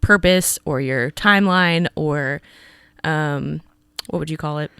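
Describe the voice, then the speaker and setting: A woman's voice: low voice, slow pace, fairly bright tone, clear, resonant tone, no echo. A young woman hosting a podcast in a casual, teasing, rambling chat style. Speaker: podcast host.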